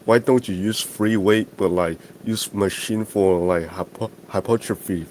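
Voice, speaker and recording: A man's voice: fairly low pitch, fairly even intonation, a little slow, a little mellow, a little hiss or hum. A man calling into a podcast, asking questions hesitantly with lots of fillers over a voice call. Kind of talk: casual chat on a voice call. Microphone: voice call mic.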